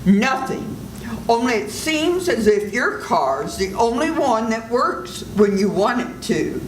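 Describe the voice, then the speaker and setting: A woman's voice: a little high, sing-song, slow, reverberant, slight background noise, poor audio. An older woman as a cool, evasive doctor. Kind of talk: amateur live radio-play acting.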